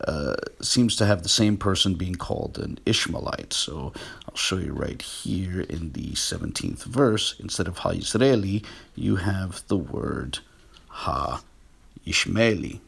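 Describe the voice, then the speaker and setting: A man giving a measured, scholarly walkthrough of sources shown on screen. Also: low voice, creaky, slightly rough. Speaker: video essayist on biblical words. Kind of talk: screen-share explanation.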